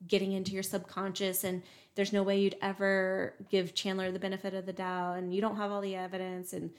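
A woman's voice: mid-range voice, monotone, a little fast. A young woman chatting casually as a podcast co-host, filling her talk with "like" and "um". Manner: chatty, lots of "like" and "um" fillers. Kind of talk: casual true crime chat.

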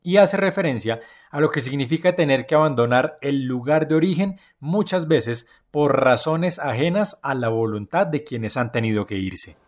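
A man's voice: medium pitch, animated. Man narrating a documentary segment. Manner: measured, explanatory. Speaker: program host and narrator.

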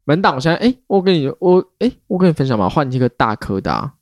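A man's voice: a little high, big pitch swings, fast, no room sound, clean studio sound. A man with a Taiwanese accent, chatting casually as a podcast co-host. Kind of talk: casual chat.

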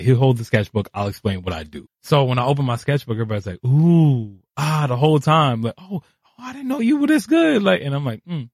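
A man in his thirties from New City, a guest artist telling his story, animated and acting out quoted voices. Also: medium pitch, slightly rough, dry recording. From New York City. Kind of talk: casual interview storytelling. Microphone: podcast studio mic.

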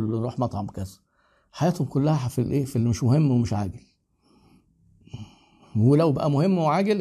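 A man's voice: fairly high pitch, dark tone. A middle-aged man with an Egyptian accent, chatting casually as a host and giving advice to viewers. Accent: Egyptian Arabic. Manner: fast, chatty, lecturing with asides.

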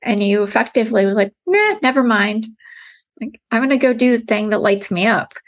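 A woman's voice: on the high side, expressive, fairly quick. A woman hosting a business podcast, upbeat and enthusiastic as she introduces the show and her guest. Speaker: podcast host and business coach. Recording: music playing behind the intro.

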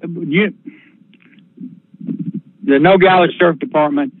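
A man calling a sheriff's office over the phone, talking in a halting, hesitant and evasive way. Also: a little high, dry recording. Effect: heard over a phone line. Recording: tinny, dry phone line.

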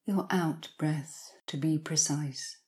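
A woman guiding hypnotic relaxation in a slow, soothing countdown manner, soft and breathy with long pauses, often sinking to a near-whisper. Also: deep voice, fairly even intonation.

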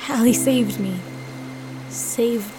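Audio drama lead: a wry young girl adventurer, fairly high voice, understated teasing. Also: extremely slow, noisy background. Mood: reflective.

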